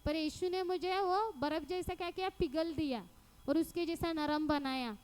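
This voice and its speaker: A woman's voice: extremely high pitch, normal speed. A young woman with a Mumbai Hindi accent giving a personal church testimony, telling her story with animation and acting out what she said.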